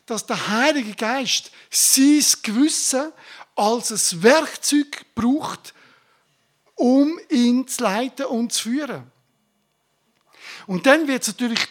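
A woman preaching a sermon to her congregation, speaking directly and informally and breaking into fervent bursts of praise. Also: fairly high pitch.

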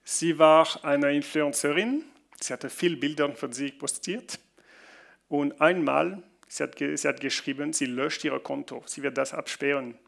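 Guy preaching, kinda gravelly, a bit high, stops and restarts a lot. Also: a bit bright. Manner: halting non-native German with restarts, reads Bible passages slowly. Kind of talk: sermon.

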